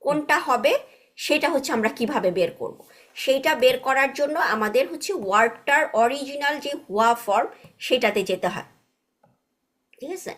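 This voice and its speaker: A woman teaching a grammar class at a slightly higher pitch. She explains step by step and checks in with the class after each point, mixing English terms into her talk. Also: moderate pace, fairly bright tone. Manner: patient, checks understanding with frequent tag questions; mixes English words into explanations.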